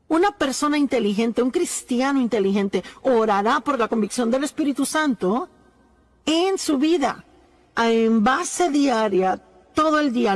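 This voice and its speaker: A high-pitched woman delivers a dubbed sermon as a preacher's voice-over. She speaks earnestly, leaning on key phrases and repeating them for emphasis, with pauses between points.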